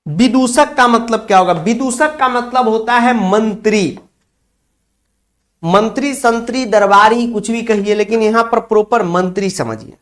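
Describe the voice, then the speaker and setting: A man's voice: sits high, a little slow, a bit bright. A man from Bihar, teaching a Sanskrit class online and explaining the text word by word, repeating key points for his students. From Bihar, India.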